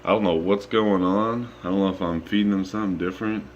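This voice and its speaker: A young aquarium vlogger with a low voice talks fast despite sounding sleepy and freshly awake. Walking through his home tanks on a handheld phone, he rambles with many ums, and the audio has its highs cut off plus a little hiss or hum.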